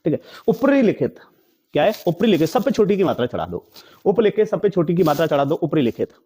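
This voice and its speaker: A man's voice: fairly high pitch, big pitch swings, fast talker, mellow, slightly rough. A male teacher coaching exam candidates on correct spelling. He keeps asking the class rhetorical questions, answers them himself, and repeats each word several times with heavy stress. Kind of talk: exam-prep spelling lesson.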